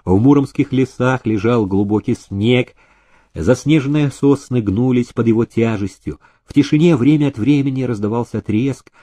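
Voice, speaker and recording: Guy narrating an old-style novel, dark husky voice, pitch moves around a lot. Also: dry recording. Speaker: audiobook narrator. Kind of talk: reading a historical novel aloud.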